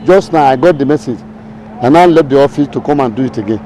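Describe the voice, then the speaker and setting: A man in a street interview, hurried and exasperated. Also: mid-range voice, warm tone, rough recording. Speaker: interviewed passer-by.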